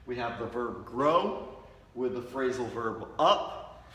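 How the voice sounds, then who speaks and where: A man teaching basic English phrases, speaking slowly and repeating example sentences patiently for learners. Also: medium pitch, expressive, bright, forceful tone. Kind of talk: slow, deliberate English lesson. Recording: roomy echo from a distant mic.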